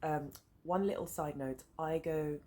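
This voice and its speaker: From a flat beside a busy road, with faint traffic noise in the background, a woman in her thirties talks to camera as a sewing vlogger. Her low, warm voice is a little slow with fairly even intonation, and her English has a French accent since French is her first language. She rambles casually, wandering into side notes with lots of "um"s.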